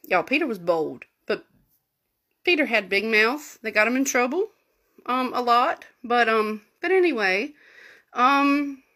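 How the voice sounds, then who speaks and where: A woman telling a Bible story in a chatty, animated way, full of folksy asides. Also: a little high, measured pace. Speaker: Bible teacher. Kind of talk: informal Bible lesson storytelling.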